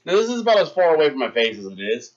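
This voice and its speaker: Animated and acting out the scenes, a man in his thirties relates a long gross-out story to his live stream chat. He talks very fast with a fairly high pitch, and the audio is dull.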